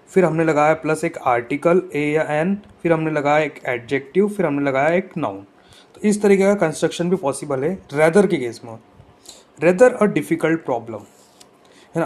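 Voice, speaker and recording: A man's voice: on the high side, a little mellow. A man teaching an exam-prep grammar lesson, explaining rules step by step and often checking that his students follow.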